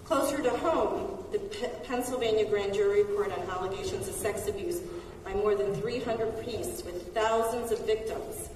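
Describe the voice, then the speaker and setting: A woman giving formal, measured testimony as a city official, recorded in a council hearing chamber. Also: mid-range voice, a little mellow, a little hiss or hum. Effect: council hearing-room recording. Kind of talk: reading a prepared statement at a hearing. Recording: echoey hall from far off.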